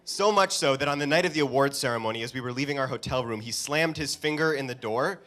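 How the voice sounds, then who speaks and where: A young adult man gives a joking best-man toast live at a wedding reception, adding wry asides and chuckling between lines. His mid-range voice is a bit bright, and he talks fast.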